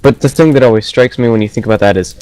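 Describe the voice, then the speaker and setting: A man's voice: mid-range voice, racing, a little mellow, no room sound, rough recording. A young man co-hosting a casual philosophy chat, rambling with lots of "like" and "you know". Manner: rambling, filler-heavy. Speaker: co-host.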